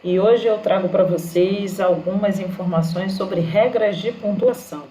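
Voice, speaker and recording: A woman teacher, explaining a grammar lesson slowly and patiently with fillers. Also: mid-range voice, mellow, roomy sound, a little hiss or hum, low-quality recording.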